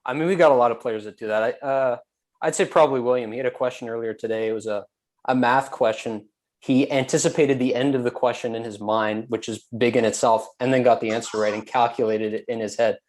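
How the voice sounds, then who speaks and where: A young man answering interview questions as a student guest, dry and relaxed with some hesitation. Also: medium pitch, quick pace, rough recording.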